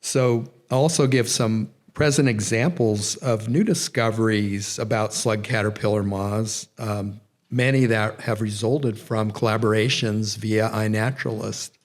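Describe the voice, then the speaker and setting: A man's voice: lowish voice, steady tone, unhurried. A middle-aged man giving a public lecture, rambling and correcting himself, with many fillers. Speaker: guest lecturer. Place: nature center event room.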